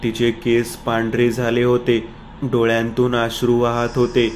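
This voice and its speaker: A man narrating a scripted horror story in an even, steady delivery. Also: medium pitch, a little slow, slight background noise. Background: faint music.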